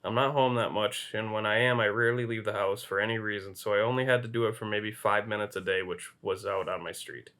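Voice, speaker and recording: A man's voice: lowish voice, steady tone, fast talker, hardly any pauses, a bit bright. Man reading a story aloud, amused. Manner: amused, laughs while reading. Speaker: podcast co-host.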